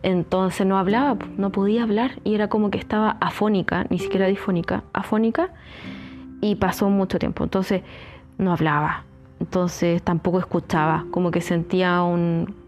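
A woman's voice: medium pitch, fairly even intonation, normal speed, a little mellow. A woman with a Chilean accent, a psychologist hosting a podcast, talking casually and earnestly, repeating her advice to urge listeners. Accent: Chilean Spanish.

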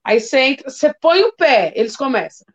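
In this dull, lo-fi recording, a woman who works as a school coordinator chats casually, telling stories and animatedly acting out children's voices. Her voice is high-pitched, sing-song and brisk.

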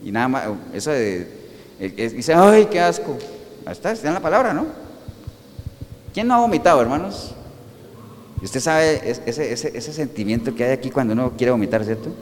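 A male pastor preaching a sermon, animated, asking the congregation rhetorical questions and answering them himself. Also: mid-range voice, fairly quick, long pauses, big-room sound, slight background noise.

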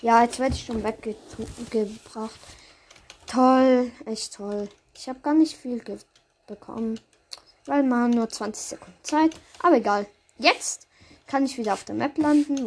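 A woman's voice: fairly high pitch, a little mellow. A woman giving casual live commentary on her own gameplay, reacting aloud in short bursts. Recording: clear background noise, keyboard clicks.

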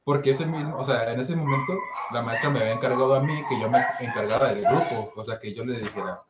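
A man's voice: mid-range voice, quick pace. A young man with a Mexican accent, chatting casually and telling an anecdote, acting out the voices of the people in it. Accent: Mexican Spanish. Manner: storytelling, acts out voices in his anecdote. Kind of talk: casual chat. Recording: roomy echo, faint noise.

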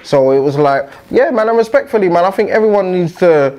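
A man's voice: sits high, lively intonation, brisk, a little mellow. A man with a London roadman accent in casual podcast chat, using street slang and frequent tag questions. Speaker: podcaster being interviewed.

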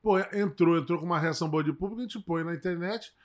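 A man in his forties, a comedian hosting a casual chat in a relaxed, slangy way. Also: a little high, fast. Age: 40s. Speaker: comedian and podcast host.

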